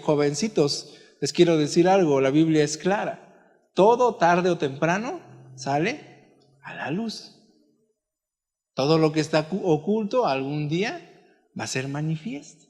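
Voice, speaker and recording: A pastor giving a conversational sermon full of stories and asides. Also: male voice, a little high, lively intonation, a little slow, pauses often, darkish tone, in a large hall. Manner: conversational preaching with anecdotes and asides. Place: church.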